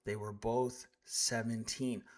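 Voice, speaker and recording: A man's voice: medium pitch, level tone, slow pace. A man giving live stream commentary as he reacts to clips, indignant and sarcastic, rambling with frequent restarts.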